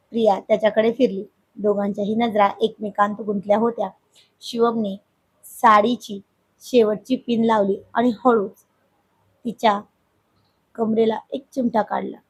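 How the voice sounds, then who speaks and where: A hoarse woman with a husky voice narrating a romantic family story in a soft, unhurried way. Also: fairly high pitch.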